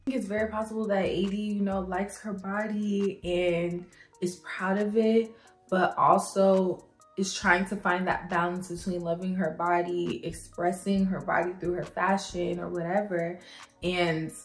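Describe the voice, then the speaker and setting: Young woman host in casual commentary, lively and blunt, in an echoey room with faint music under her. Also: mid-range voice. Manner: animated, acts out quotes, swears. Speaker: podcast host.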